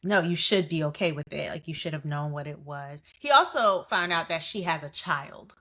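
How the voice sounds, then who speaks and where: A woman co-hosting a podcast, sharing firm takes on a reality show in easygoing conversation. Her voice is on the lower side. She presses her points with rhetorical questions. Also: expressive, moderate pace, bright, forceful tone. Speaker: podcast co-host. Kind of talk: casual recap chat.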